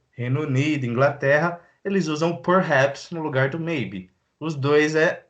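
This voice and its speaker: Brief: young Brazilian man, English teacher on a live class, relaxed and slangy, slightly higher voice. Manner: relaxed, slangy, slows down to model English phrases. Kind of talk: live online English lesson.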